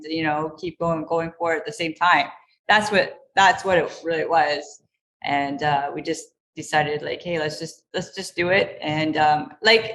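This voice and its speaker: A woman with a fairly low voice, talking casually with plenty of "you know" and "um." A faint background noise sits under her voice. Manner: warm, chatty, filler-heavy. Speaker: guest, karate school co-owner. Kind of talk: casual interview chat.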